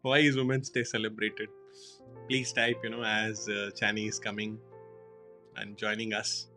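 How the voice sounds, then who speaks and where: Bright-voiced male live-stream host. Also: fairly low pitch, little pitch movement, faint music behind. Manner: halting, with many fillers like "you know". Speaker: host of a live online session.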